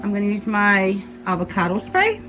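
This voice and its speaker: A woman's voice: mid-range voice, sing-song, normal speed, music in the background, low-quality recording. A woman with a mild speech impediment, chatting casually as she narrates her cooking in a home kitchen, thinking aloud and correcting herself as she goes. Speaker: cooking vlogger.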